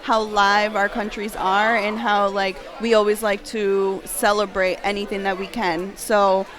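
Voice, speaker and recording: Speaking a little slowly in a level, fairly bright mid-range voice, this Massachusetts woman works in school guidance and appears as an enthusiastic, casual interview guest. Busy crowd chatter and faint music play in the background.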